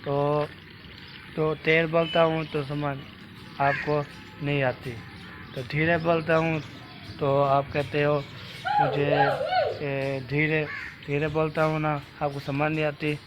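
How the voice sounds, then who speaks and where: A Pakistani village vlogger narrates casually outdoors in a rural village, talking fast and rambling, even remarking that he talks fast. His voice is fairly high and level, and the noisy recording carries birdsong and outdoor ambience.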